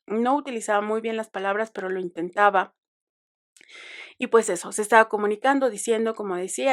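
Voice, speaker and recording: A young Mexican woman hosting a podcast, telling a story in a chatty, digressive way with ironic asides. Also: medium pitch. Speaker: podcast host. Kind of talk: casual monologue.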